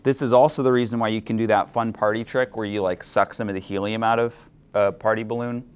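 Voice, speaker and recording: A young man teaching a chemistry class, explaining things in a relaxed way and asking students questions. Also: lowish voice, fast talker, clean tone, highs cut off. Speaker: chemistry instructor. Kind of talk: classroom lecture.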